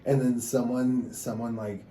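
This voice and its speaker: A man's voice: mid-range voice, measured pace. A man, a comedian, telling stories in casual podcast chat, cursing often and acting out what people said. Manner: swearing storyteller, animated quoted voices. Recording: roomy, distant mic, faint hiss.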